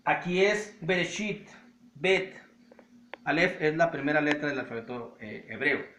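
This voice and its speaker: Mexican man, bible study preacher, high bright voice, roomy echo, off-mic. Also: animated, recorded from a distance, slight background noise. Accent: Mexican Spanish. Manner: emphatic, repeats key words slowly for stress.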